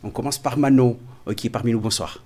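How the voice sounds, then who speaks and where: A man's voice: medium pitch, fast, mellow. A man hosting a radio interview, formal and full of hesitations. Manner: frequent hesitations, formal address. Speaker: radio host.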